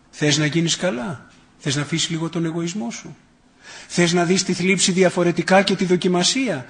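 A man's voice: sits high, roomy sound. A priest giving a sermon. He builds emphatic rhetorical lists and mixes in folksy personal anecdotes with self-irony.

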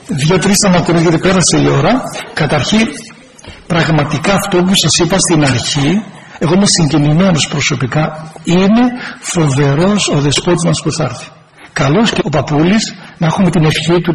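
A man's voice: a little high, gravelly, big-room sound, low-quality recording. A man, a parish priest, giving an earnest pastoral talk to his congregation and acting out sample replies.

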